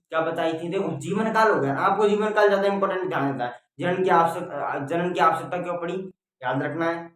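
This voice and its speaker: This biology lesson comes from a man whose voice is a little high, delivered lecture-style with repeated points. He checks understanding with "theek hai?" and calls his students "beta," while slight background noise and heavy echo from a distant mic fill a very echoey room.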